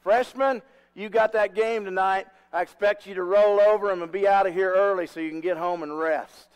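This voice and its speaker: A man doing a loud, taunting coach. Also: high voice, fairly even intonation, normal speed, clear, resonant tone, voice pushed up, close to an everyday voice, poor audio. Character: gruff male sports coach, boastful.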